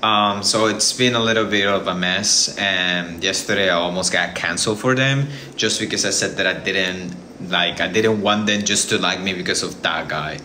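A man's voice: sits low, moderate pace, few pauses, sharp tone, a little hiss or hum. A man in his thirties chatting casually on a livestream from his kitchen, rambling and restarting often, recorded on a phone's front camera. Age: 30s. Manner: rambling, hesitant, many restarts. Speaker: livestream host. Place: indoor home kitchen.

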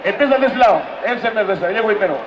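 High-voiced Mexican announcer shouting over a crowd. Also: male voice, expressive, very fast, lo-fi sound. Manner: shouting, counting out loud, joking with the crowd. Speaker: event announcer. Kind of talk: live announcing at a rodeo game. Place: outdoor rodeo arena with a crowd.

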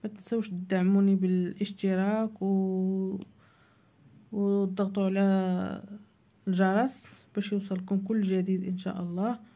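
On her cooking channel, a woman with a Moroccan Arabic accent explains a recipe one step at a time in a plain, instructive voice-over aimed right at viewers. Her mid-range, mellow voice stays fairly flat and moves at a moderate pace, with frequent pauses.

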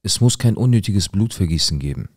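A man's voice: low voice, lively intonation, brisk, a little mellow, dry recording. A man voicing a hulking, menacing young skinhead who makes coarse threats, recorded dry and close. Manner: threatening, coarse street talk.

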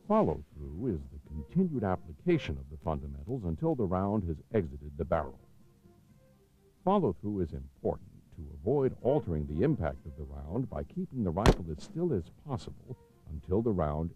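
Reading scripted instructional narration for a training film, this American man sounds measured, authoritative and clearly enunciated, and his voice sits low. The recording is dull and lo-fi, like a 1990s videotape soundtrack.

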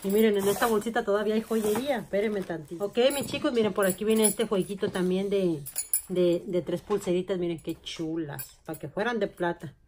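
A woman vlogging casually as she unboxes finds, gushing with excitement and calling to her viewers. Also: mid-range voice, a little fast, a little hiss or hum.

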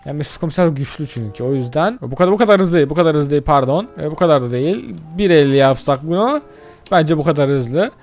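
An excitable man giving let's-play commentary, talking straight to his viewers and tossing off casual curses at the game. His slightly high voice leaps around in pitch as he reacts. Faint music plays beneath him. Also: quick pace. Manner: addresses viewers directly. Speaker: gaming YouTuber.

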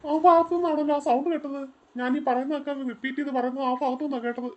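A woman's voice: sits high, very fast, darkish tone, dull audio, lightly acted. A woman voicing an anxious father searching for his daughter in a cartoon, calling out and worried. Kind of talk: cartoon voice acting.

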